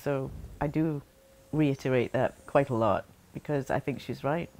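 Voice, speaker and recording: Barbadian woman, very low voice, halting and heartfelt, reflective interviewee. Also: darkish tone. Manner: halting and heartfelt, many pauses and restarts. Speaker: interviewee, daughter remembering her late mother.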